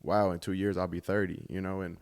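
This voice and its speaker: A man's voice: low voice, level tone, brisk, creaky, darkish tone. A man in his twenties hosting his own podcast, talking in a laid-back, reflective way with casual swearing. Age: 20s. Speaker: podcast host. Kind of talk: casual solo podcast monologue.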